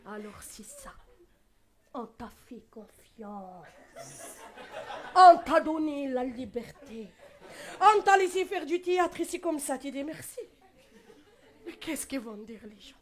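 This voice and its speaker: A woman's voice: sits high, lively intonation, slow pace, pauses often. Woman playing a wailing, outraged mother. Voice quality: wailing, melodramatic. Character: outraged middle-aged North African mother, dramatic.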